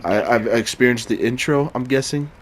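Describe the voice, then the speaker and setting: A young man streaming a game in a relaxed, chatty way, reading dialogue aloud and swearing at his own attempts. His pitch sits in an ordinary middle range, with a faint hiss of noise behind him. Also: moderate pace. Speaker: gaming streamer. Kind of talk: casual let's-play commentary.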